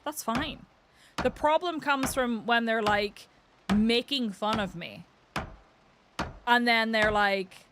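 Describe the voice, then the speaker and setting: Irish woman streamer, rambling casual chat, medium pitch, steady noise and clicks behind. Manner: rambling and chatty, many filler words. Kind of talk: casual live-stream chat while gaming. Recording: clear background noise with clicks.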